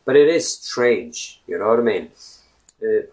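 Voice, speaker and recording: A language blogger with a Latvian accent, apparently in his thirties, talks casually straight to the camera in a slightly low, expressive, somewhat mellow voice. He speaks unhurriedly, rambles off topic, and keeps tacking a questioning "right?" onto his points.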